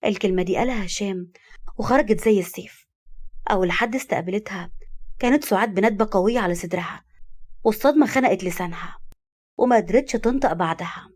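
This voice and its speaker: Egyptian Arabic woman, storyteller, dramatic, measured romance narration. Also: mid-range voice, darkish tone.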